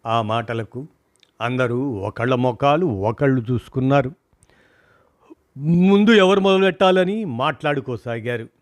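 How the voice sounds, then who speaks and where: A man narrating a short story in a measured, expressive reading voice. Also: medium pitch, no echo, studio quality.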